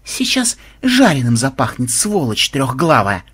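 A man's voice: mid-range voice, wildly swooping pitch, unhurried, fairly bright tone, heavily acted. A man voicing a grumpy, misanthropic male programmer who snaps and grumbles. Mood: gruff. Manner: gruff, snapping growls.

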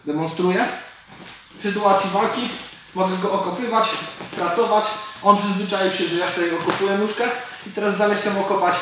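Brisk and high-pitched, with fairly even intonation, this male instructor talks casually through the martial arts moves he's demonstrating. The setting is a big indoor MMA cage gym; a camera several metres off captures echo and some noise.

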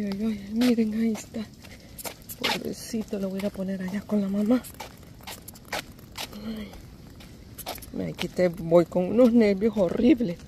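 A woman's voice: medium pitch, vocal fry. A Salvadoran woman filming a phone vlog outdoors on a walk, talking in an anxious, tender way and sighing "ay" again and again. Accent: Salvadoran Spanish. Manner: anxious, tender, keeps saying "ay" and "pobrecito". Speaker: vlogger. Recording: outdoor phone audio, noticeable background noise.

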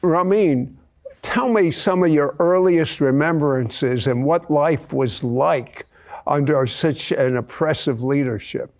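An older man hosting a TV show in a studio, speaking slowly and emphatically. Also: on the high side, a little mellow. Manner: slow, emphatic, earnest delivery. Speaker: TV host. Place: studio with live audience.

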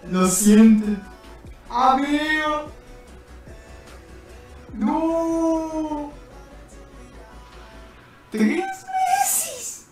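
A man's voice: very animated, drawn-out words, long pauses. A man streaming a game in casual, playful chat, his voice wrapped in a heavy canyon-like echo. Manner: playful, chatty, thanks viewers by name. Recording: booming echo, voice set back from the mic, faint music.

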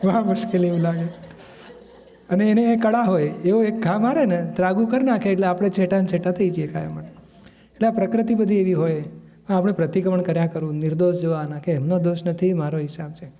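A Gujarati-accented man gives a spiritual discourse in an easy, conversational way. His voice sits fairly high for a man but sounds warm and mellow. Now and then he acts out family quarrels in quoted voices. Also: fast. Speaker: spiritual teacher.

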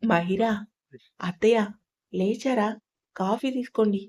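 A woman reading an audio story, voicing a tender young daughter-in-law who speaks softly, respectfully and pleadingly. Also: mid-range voice, a little slow, lightly acted.

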